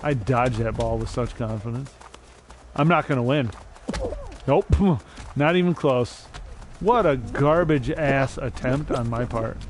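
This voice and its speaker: A man's voice: mid-range voice, measured pace, noisy background. A young man streaming a game, rambling and mocking himself, now and then breaking into silly made-up songs. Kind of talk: casual gaming stream chatter. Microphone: desk mic.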